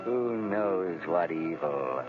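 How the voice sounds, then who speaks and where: An actor playing a sinister, mocking, shadowy avenger in a menacing 1930s radio drama style. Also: male voice, deep voice, full character voice. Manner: slow, menacing, cackling. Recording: muffled old radio recording with music.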